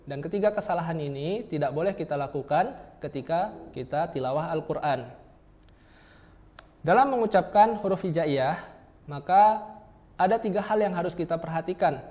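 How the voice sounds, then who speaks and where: A man teaching pronunciation, patiently demonstrating sounds slowly and repeating them in pairs. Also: a little high, warm tone. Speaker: Quran recitation teacher. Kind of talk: instructional lesson on letter pronunciation.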